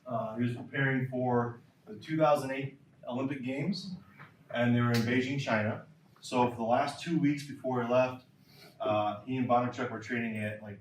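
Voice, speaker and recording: A man's voice: medium pitch, a little hiss or hum. Guy lecturing throwers at a clinic, emphatic, echoey hall, mic sounds far off. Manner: emphatic, repeats key points. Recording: roomy lecture hall from afar.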